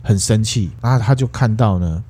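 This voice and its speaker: Low mellow man telling stories casually. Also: husky. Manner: chatty retelling with drawn-out particles. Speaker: podcast co-host. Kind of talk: casual storytelling.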